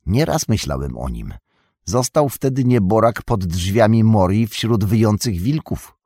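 A man voicing a homely, soft-hearted young male hobbit in an audiobook reading, wistful in manner. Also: on the low side, animated, measured pace, husky, dry recording, studio quality, pitched above the performer's own voice, full character voice. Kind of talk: audiobook character voice.

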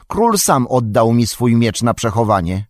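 A man's voice: mid-range voice, big pitch swings, a little slow, dry recording, clean studio sound, voice pushed up. A man voicing a cringing, treacherous royal counsellor who pleads and whines in a servile, wheedling manner, in a storybook reading. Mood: indignant.

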